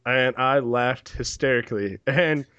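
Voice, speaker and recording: A man's voice: mid-range voice, a little slow, pushed and bright, smooth, dry recording, muffled recording. A man in his thirties co-hosting a casual podcast, joking and laughing as he tells stories. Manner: jokey, laughs often. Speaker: podcast co-host. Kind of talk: casual chat.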